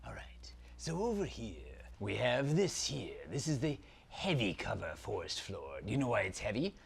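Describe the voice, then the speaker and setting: A man's voice: mid-range voice, very animated, normal speed, vocal fry, slightly rough, full character voice. A man voicing a pompous villain sorcerer prince in a comic skit, haughty and theatrical, now and then dropping to a stage whisper.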